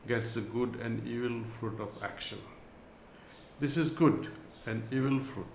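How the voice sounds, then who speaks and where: A man giving a spiritual talk and reading aloud, in a slow, measured way with long pauses. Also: mid-range voice, roomy sound, a little hiss or hum, poor audio. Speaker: spiritual teacher.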